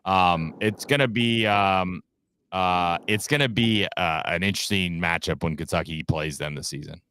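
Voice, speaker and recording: A man hosting a casual sports talk show, relaxed and hesitant with plenty of fillers. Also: low voice, moderate pace, slight background noise.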